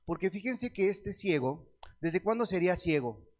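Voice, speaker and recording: A man preaching a sermon, reading scripture slowly and asking the congregation questions that he answers himself. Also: sits high, lively intonation, a little mellow. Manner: reads scripture aloud with slow stretched words; addresses the congregation as beloved brethren.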